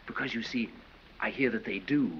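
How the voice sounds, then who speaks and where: A man's voice: medium pitch, moderate pace, close to an everyday voice. A man playing a foppish, affected English aristocrat with an English accent, drawling and silly, in 1930s film acting. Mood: foppish banter. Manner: drawling, silly, laughs at his own jokes. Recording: dull 1930s film soundtrack with faint hiss.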